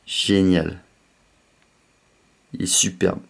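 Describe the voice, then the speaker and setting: A man with a slight lisp hosting a casual unboxing, chatting in an excitable way. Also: low voice, drawn-out words, creaky, slight background noise. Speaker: host of a card pack opening video.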